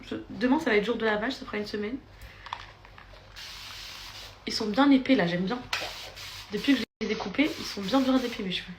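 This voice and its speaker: A woman's voice: medium pitch, fast. A young woman talks into her phone at home in a loose, chatty way, now and then slipping into a sing-song voice for her babies. There is a faint hiss under the voice. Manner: chatty, switches into sing-song baby talk. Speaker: influencer filming her daily story. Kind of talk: casual vlog chat with baby talk to her children. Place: home, indoors.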